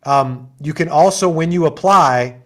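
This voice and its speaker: A man's voice: fairly high pitch, unhurried, a bit bright. A middle-aged man explaining programs as an assistant dean in a chatty, enthusiastic way, full of asides and fillers, on a video call. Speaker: assistant dean hosting an info session.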